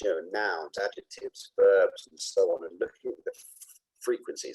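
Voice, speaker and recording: A man with a Cockney accent walks through a product demo in an unscripted, halting way, full of restarts and fillers. His voice sits very low and has a husky edge. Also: a little mellow, low-quality recording. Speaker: presenter.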